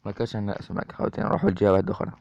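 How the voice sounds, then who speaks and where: A man's voice: fairly low pitch, very fast, creaky. A man with an Algerian Arabic accent giving chatty let's-play commentary, talking straight to his viewers as brothers. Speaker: gaming YouTuber. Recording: dull lo-fi mic with steady noise.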